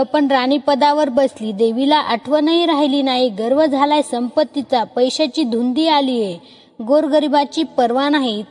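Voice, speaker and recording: A woman's voice: sits high, darkish tone, in a large hall. A woman voicing a bitter old beggar woman. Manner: scolding, bitter. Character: angry old beggar woman, goddess in disguise.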